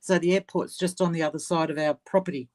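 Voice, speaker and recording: Rambling Australian woman, lower voice. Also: fairly even intonation, fast, a little mellow. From Australia, Sydney. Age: older. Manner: rambling, searches for words. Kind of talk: casual live-stream chat.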